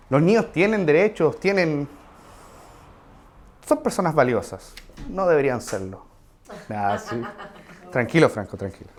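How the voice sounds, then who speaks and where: Conversational preacher man. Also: medium pitch. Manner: conversational, asides to the congregation. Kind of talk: sermon.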